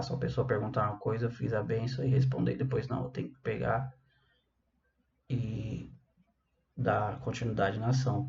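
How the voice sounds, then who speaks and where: A man explains scripture in an easy, conversational way, often pausing to check that listeners follow. His voice sits low, with a gravelly, mellow tone. The recording is dull and lo-fi, with faint background noise. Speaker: Torah teacher. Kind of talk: casual teaching talk.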